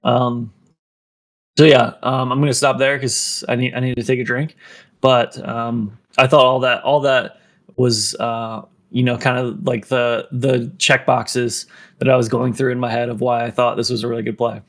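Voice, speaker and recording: A man's voice: medium pitch, level tone, moderate pace. A man talking in a casual podcast, rambling and filling his speech with "like" and "um", somewhat out of breath. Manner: rambling, heavy use of "like" and "um". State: running out of breath.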